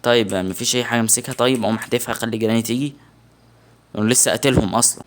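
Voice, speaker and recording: An excitable young man with an Egyptian Arabic accent, giving let's-play commentary on a horror game, yelping in alarm and muttering to himself. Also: mid-range voice, very fast. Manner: excitable, shouts in alarm, mutters under breath. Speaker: gaming channel host.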